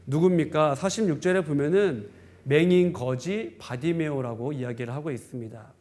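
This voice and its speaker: A man's voice: fairly high pitch, moderate pace, a little mellow. A male pastor giving a sermon, retelling a story and asking rhetorical questions.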